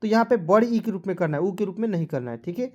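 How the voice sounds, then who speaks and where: A man teaching an online lesson. He breaks words apart letter by letter and keeps checking with viewers whether it is clear. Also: high-pitched, animated, fast, a little mellow. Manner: addresses viewers as friends, asks for likes. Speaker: English teacher.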